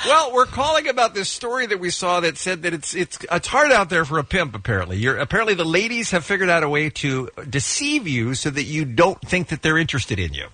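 High-pitched, very animated male radio host. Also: a little fast, hardly any pauses, no echo. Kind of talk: comic radio banter and story telling.

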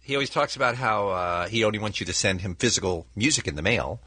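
Animated, bright-voiced middle-aged male radio host. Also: on the low side, fast talker, husky, dry recording. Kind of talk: casual radio banter. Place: dry radio studio. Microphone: close studio microphone.

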